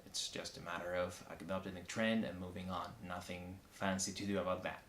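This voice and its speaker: A man from Argentina explaining his engineering work in a measured, step-by-step way, with some restarts. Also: low-pitched, flat delivery, a bit bright. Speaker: backend engineer. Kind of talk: solo recorded interview. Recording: echoey room.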